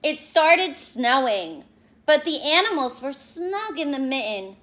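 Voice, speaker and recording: Woman, high voice, unhurried pace, children's read-aloud, teacherly, expressive delivery. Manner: expressive, teacherly, explains words and asks questions. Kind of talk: animated picture-book read-aloud with asides to children.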